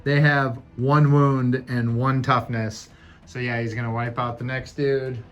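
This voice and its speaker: A man's voice: mid-range voice, level tone, unhurried, lo-fi sound. A man playing a solo tabletop dungeon game, reading cards aloud, counting moves and dice, and thinking aloud about the rules. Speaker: game master.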